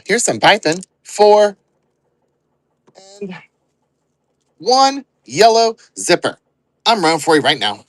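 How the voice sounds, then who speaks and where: A man hosts an online live sale, rambling and joking in casual chatter as he counts items out loud. His voice is on the high side, and the recording is rough with no echo.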